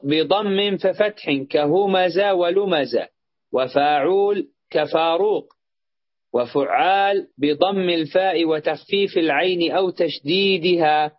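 A man reading a grammar text aloud in a lesson, in a steady, careful recitation. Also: fairly high pitch. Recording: dull lo-fi lesson recording.

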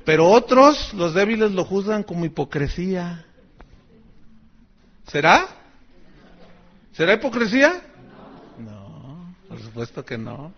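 A man's voice: high-pitched, sing-song, takes it slowly, long pauses, breathy edge, lo-fi sound. A middle-aged man with a Mexican accent, preaching a sermon in a chatty, joking way and acting out the people in his stories. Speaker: pastor. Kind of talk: sermon with personal anecdotes.

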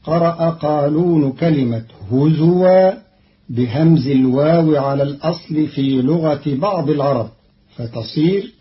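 Male radio announcer, slightly high voice, slow formal delivery, muffled old broadcast sound. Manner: measured, formal, precise diction. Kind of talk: formal explanation of recitation readings.

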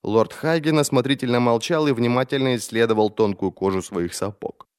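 Man narrating a novel, measured delivery. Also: medium pitch, a little mellow, smooth, dry recording. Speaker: audiobook narrator. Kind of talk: scripted narration.

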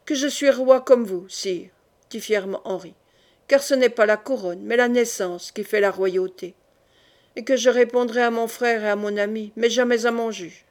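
A woman voicing a proud, quick-witted young king of Navarre who answers with smooth innocence and firm pride, in an audiobook. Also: a little high, steady tone, natural voice. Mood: composed.

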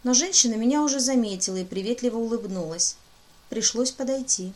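A woman's voice: on the high side, a little fast, a little mellow. Woman reading a romance audiobook. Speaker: audiobook narrator. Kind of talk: first-person audiobook narration.

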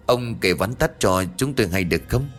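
A man voicing a calm older spirit master who gives slow, grave advice in a ghost story. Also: on the low side, faint music behind, close to an everyday voice.

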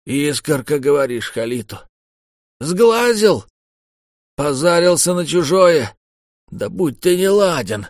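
A man's voice: mid-range voice, animated, normal speed, dry recording, studio quality. A man voicing a whiny, panicky middle-aged male merchant in a storybook, plaintive and wailing. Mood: despairing wail.

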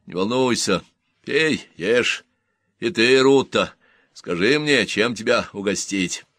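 A man's voice: lowish voice, lively intonation, takes it slowly, a bit bright, no echo, studio quality, heavily acted. A man reading an audiobook, voicing a shy young soldier who mumbles and grumbles. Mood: gruff.

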